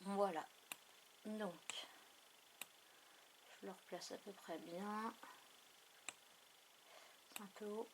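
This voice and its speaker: A woman hosting a craft tutorial, thinking aloud in an unhurried way with many fillers as she works on a computer. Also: mid-range voice, fairly even intonation, noisy background. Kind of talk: casual screen tutorial narration. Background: mouse clicks.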